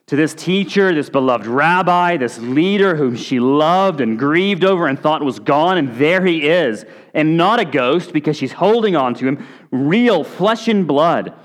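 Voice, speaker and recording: Man preaching a conversational sermon. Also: on the high side. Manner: conversational, with brief acted-out quotes. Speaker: pastor.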